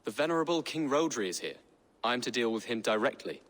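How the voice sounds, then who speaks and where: A man's voice: medium pitch, animated, a little fast, fairly bright tone, long reverb tail, lightly acted. A man playing a polite, unsure young noble heir. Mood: earnest. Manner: formal and earnest. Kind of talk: video game dialogue.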